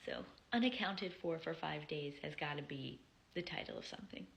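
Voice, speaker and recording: Woman vlogger, low-pitched with vocal fry, wry deadpan storytelling that slips into breathy near-whispers. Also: normal speed. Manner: wry, darkly funny, often dropping to a breathy near-whisper. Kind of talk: casual personal storytelling to camera.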